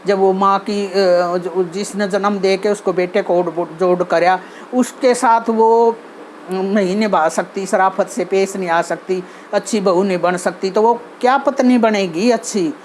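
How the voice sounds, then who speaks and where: A woman's voice: medium pitch, steady tone, a little slow, darkish tone, slight background noise. Earnest Haryanvi woman giving advice. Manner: earnest, repeats herself, many fillers and restarts. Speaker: channel host giving advice. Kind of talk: casual talk on social behavior.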